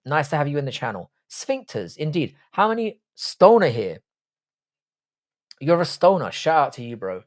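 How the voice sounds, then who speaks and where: Fairly high-pitched and very animated, though speaking at a normal speed, a forties-aged man with a South London accent hosts a laid-back live stream. He rambles, swears a lot, and replies to what viewers type in chat.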